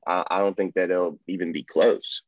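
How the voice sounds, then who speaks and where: Over dull, dry lo-fi audio, a man with a deep voice speaks in a steady tone at normal speed. He's chatting casually about basketball, upbeat and hyping things up, trailing off with plenty of fillers.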